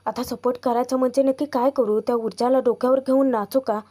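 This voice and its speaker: A spiteful, domineering mother-in-law snaps and scolds in a fairly high, mellow voice, as a woman narrator reads her lines. She sounds accusing and keeps pushing toward a shout. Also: fairly even intonation, fast talker. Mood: aggrieved. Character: angry domineering middle-aged mother-in-law.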